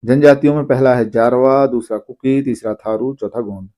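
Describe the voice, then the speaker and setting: A man teaching an exam-prep lesson, reading long lists of names slowly and pausing to explain. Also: medium pitch, fairly even intonation, dark tone. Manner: reads names slowly, apologizes for pronunciation.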